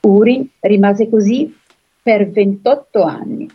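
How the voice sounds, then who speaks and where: A woman retelling a fantasy story in an unhurried way, pausing often with filler sounds and reading passages aloud from the book. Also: medium pitch, husky. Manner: unhurried, pauses often with filler sounds while she explains. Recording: dull lo-fi recording with faint music.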